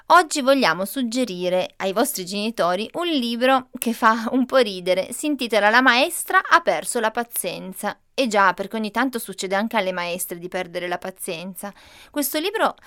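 A woman hosting a children's programme, lively and expressive as she reads a storybook aloud. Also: medium pitch, smooth, no room sound, clean studio sound.

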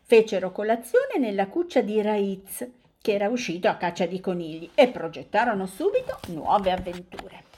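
A woman co-hosting and reading a children's story aloud in an expressive, animated way. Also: medium pitch, moderate pace, slight background noise. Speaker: co-host storyteller.

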